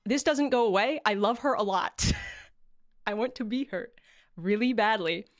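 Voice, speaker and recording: Playful, giggly higher-voiced woman streamer. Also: unhurried. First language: English. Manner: playful, giggly, self-deprecating. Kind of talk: casual livestream chat, debut introduction. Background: background music.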